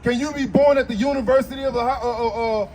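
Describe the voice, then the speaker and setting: A man preaching on a city street outdoors, arguing forcefully and quoting scripture. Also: very high voice, fairly even intonation, brisk, a faint crowd, slight background noise. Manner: forceful, argumentative, quotes scripture. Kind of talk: street preaching and Bible teaching.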